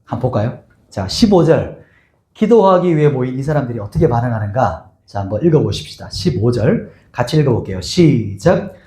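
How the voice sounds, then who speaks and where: Lively echoing pastor, man preaching. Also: mid-range voice, brisk. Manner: asks the congregation many rhetorical questions; acts out the scene with voices. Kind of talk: expository sermon. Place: church sanctuary. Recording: echoey church sanctuary.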